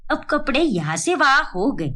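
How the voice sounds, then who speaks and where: A woman voicing an older, caring mother-in-law who soothes and gently scolds. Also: high voice, very animated, a little slow, heavily acted. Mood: concerned.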